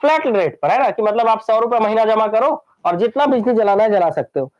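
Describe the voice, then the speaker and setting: High-voiced Chhattisgarhi man coaching exam students. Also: animated, a little fast. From Chhattisgarh, India. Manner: drills lists by repetition, asks students questions. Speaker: teacher. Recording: dull lo-fi recording.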